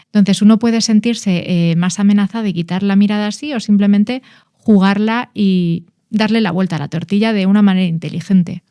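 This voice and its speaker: A woman on a podcast explains body language in a conversational tone. Her voice is mellow and warm, with a close, dry sound, and she often stresses words and restarts her phrases as she thinks. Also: medium pitch, steady tone, a little fast, clean tone, dry recording. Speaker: podcast guest, nonverbal communication expert. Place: podcast studio.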